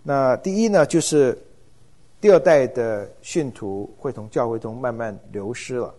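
A middle-aged man teaches in a relaxed, unhurried lecture. His voice is mellow and warm, and he often pauses with hesitation fillers as he thinks aloud. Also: mid-range voice. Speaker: church ministry lecturer. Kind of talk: informal lecture.

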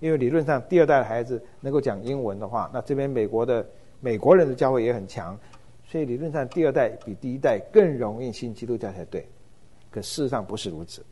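A middle-aged man teaches in a relaxed, unhurried lecture. His voice is mellow and warm, and he often pauses with hesitation fillers as he thinks aloud. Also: medium pitch, slightly rough. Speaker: church ministry lecturer. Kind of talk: informal lecture.

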